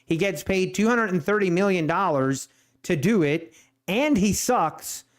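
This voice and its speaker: A high-voiced man from Ohio with a Swiss German accent chats casually on a day trading live stream, speaking a little slowly but expressively. He rambles and rants in exasperation, restarting and repeating himself often.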